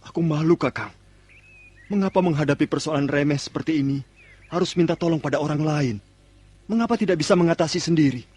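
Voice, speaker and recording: An actor playing a proud, guarded and bashful younger brother in an old radio drama style. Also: male voice, fairly high pitch, brisk, darkish tone, breathy edge. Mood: embarrassed, proud.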